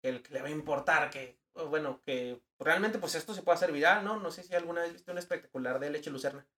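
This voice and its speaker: A young man with a northern Mexican accent, a guest in a casual podcast chat, telling animated stories full of slang and acted-out quotes. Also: a little high, fast. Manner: animated storyteller, slangy, acts out quoted voices. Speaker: guest, advertising designer.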